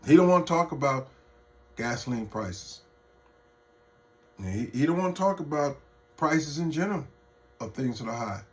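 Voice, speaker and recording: A man's voice: mid-range voice, expressive, moderate pace, long pauses. A man delivering an off-the-cuff political rant to his viewers, heated, mocking and profane, addressing them as folks. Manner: talks straight to viewers as folks. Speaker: political vlogger.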